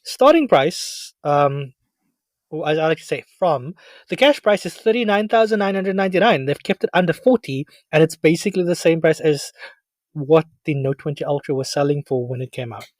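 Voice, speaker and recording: A man's voice: on the high side, no echo. A South African man hosting a casual tech podcast, chatting and bantering animatedly with his co-host. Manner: animated, jokey, quick to banter.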